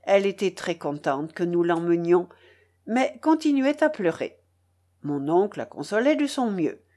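A woman reads a classic novel aloud with an expressive, dramatic delivery. Her voice swings widely in pitch, lifting and falling with the story. It is a steady literary narration. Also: unhurried. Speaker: audiobook reader.

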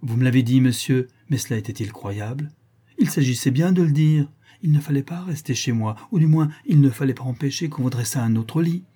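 A man's voice: mid-range voice, animated, moderate pace, warm tone, husky. A man voicing a teasing, flustered noble lady in a storybook reading, coaxing and scolding by turns.

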